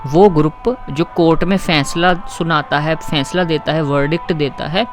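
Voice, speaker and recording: A man teaching English grammar, patiently explaining exercises, asking questions and reading example sentences slowly. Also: a little high, fairly even intonation, soft background music. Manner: patient, asks questions and keeps checking with "ठीक है?".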